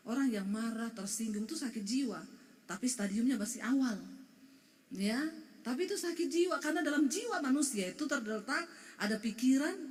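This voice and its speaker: A woman pastor preaching a sermon, animated, acting out quoted voices. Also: on the high side. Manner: animated, shifts into quoted voices and crying tones. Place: church hall. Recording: long hall reverb.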